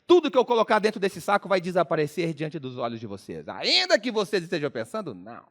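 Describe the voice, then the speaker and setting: A man's voice: high voice, wildly swooping pitch, fast talker, a bit bright. A man from Minas Gerais with a mineiro Brazilian accent, giving a playful comic stage talk and teasing the audience with jokes. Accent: Minas Gerais Brazilian Portuguese. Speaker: motivational speaker.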